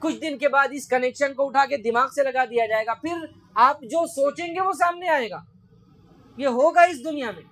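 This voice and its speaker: A man giving a sermon to a gathering, asking his listeners rhetorical questions and slowly reciting Arabic sayings before explaining them. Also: very high-pitched, fairly bright tone. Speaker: Islamic preacher.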